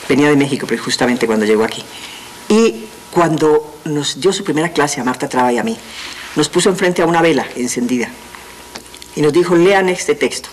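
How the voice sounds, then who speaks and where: A woman's voice: rumbling low, a little hiss or hum, poor audio. Chatty older woman host. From Colombia. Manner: chatty, lively, quick interjections. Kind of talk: TV interview.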